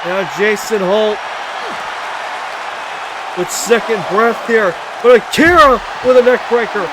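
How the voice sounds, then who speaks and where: High-pitched shouting male wrestling commentator. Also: slow. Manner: shouted, dramatic exclamations. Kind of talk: excited play-by-play wrestling commentary. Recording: music and crowd noise behind.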